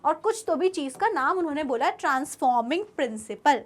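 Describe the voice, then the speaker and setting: A woman's voice: sits high, expressive, a little fast. A young woman teacher giving an online class lecture. She keeps asking her students questions and then answers them herself.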